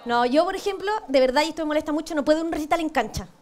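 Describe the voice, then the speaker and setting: Rapid-fire and a little mellow, her voice sitting high, a Chilean woman performs a comic monologue on a TV panel show, landing cheeky, self-deprecating, crude jokes. Laughter from the studio audience fills the background.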